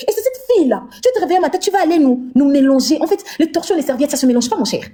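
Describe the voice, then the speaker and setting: Fast, high-pitched woman ranting. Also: animated, dark tone. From Congo. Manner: insulting, mocking, laughs between jabs. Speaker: TikTok live streamer. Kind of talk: heated live-stream rant.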